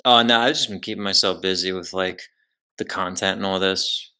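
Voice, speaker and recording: Young joking podcast host, bright tone. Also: male voice, sits low, steady tone, normal speed, clean tone. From New Jersey. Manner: profane, joking, loose. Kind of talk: casual chat. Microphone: video call.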